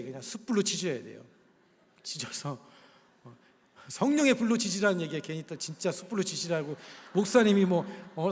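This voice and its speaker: A high-pitched male pastor delivers a sermon from a church pulpit, his voice carrying a long hall reverb. He preaches with humor and keeps turning to the congregation with questions. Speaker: senior pastor.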